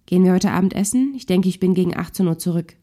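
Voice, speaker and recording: A woman's voice: fairly low pitch, fast, warm tone, natural voice. Woman voicing a needling husband in a row. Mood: irritated. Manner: defensive, dismissive, needling. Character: irritated husband in a marital spat.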